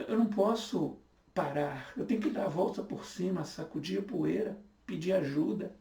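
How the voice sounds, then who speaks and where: Fifties pastor man preaching, gravelly kinda high voice, mic far off, roomy echo. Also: mellow. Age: 50s. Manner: earnest, repetitive exhortation. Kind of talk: sermon. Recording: echoey room, voice from far off.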